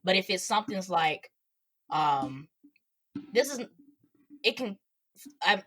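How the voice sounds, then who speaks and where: A woman co-hosting a podcast, chatting casually about upcoming games and trailing off softly at the ends of thoughts. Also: medium pitch, animated, slow pace. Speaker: podcast co-host. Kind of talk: casual chat.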